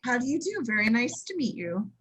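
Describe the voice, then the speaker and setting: A woman reading a dry, sardonic schoolteacher with a husky voice in an amateur sitcom table read. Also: a little high, a little fast, exaggerated voice. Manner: dry, deadpan.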